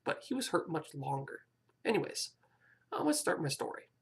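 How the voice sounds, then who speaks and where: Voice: medium pitch, big pitch swings, fairly quick, slightly rough. A young adult of about twenty vlogging a rambling, hesitant personal confession, often apologizing and restarting sentences.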